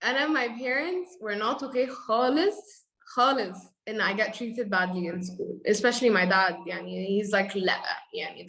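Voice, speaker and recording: A woman's voice: fairly high pitch, low-quality recording. A young woman from Egypt with an Egyptian accent, telling her own story as an interview guest, switching between English and Arabic and acting out what others said. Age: young adult. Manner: animated, acts out quotes from parents and teachers. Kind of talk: conversational storytelling.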